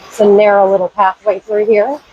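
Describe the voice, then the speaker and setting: Woman vlogger, raspy and congested from a cold, upbeat trail chatter, dry close sound. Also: mid-range voice, little pitch movement, fairly quick, dry recording, muffled recording. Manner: chatty, upbeat, pointing things out. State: head cold, stuffy. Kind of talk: casual hiking vlog. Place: outdoors on a forest trail near a waterfall.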